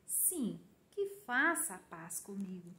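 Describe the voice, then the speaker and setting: A woman's voice: mid-range voice, very animated, slow, sharp tone. Chatty Brazilian woman preaching, roomy sound. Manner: chatty, keeps adding "né?", often laughs. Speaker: religious preacher. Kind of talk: informal prophetic sermon to online followers.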